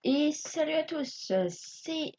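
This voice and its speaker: A woman's voice: high-pitched, lively intonation, takes it slowly. A woman walking viewers through a screen tutorial, talking hesitantly with many fillers like a self-conscious beginner. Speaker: YouTube tutorial maker. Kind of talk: live screen tutorial narration. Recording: dull lo-fi home recording.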